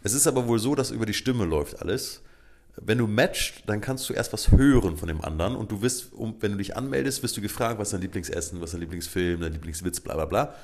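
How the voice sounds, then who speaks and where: A man's voice: lowish voice, quick pace, a little mellow. A man co-hosting a casual chat podcast, joking and teasing his partner with playful asides. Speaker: podcast co-host.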